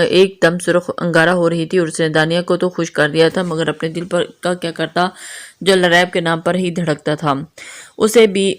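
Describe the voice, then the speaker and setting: A woman narrating a romantic novel aloud in a steady, even reading voice. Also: lowish voice.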